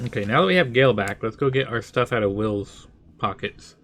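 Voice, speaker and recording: A man's voice: lowish voice, fairly quick, fairly bright tone. A man hosting a video game playthrough with casual commentary. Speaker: gaming series host.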